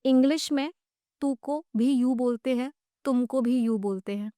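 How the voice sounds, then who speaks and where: A woman English teacher speaks in a podcast interview, laying out her advice step by step and spelling hard words out letter by letter. Her voice sits a little high. The recording is close and dry, with no room sound. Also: measured pace, mellow, no room sound.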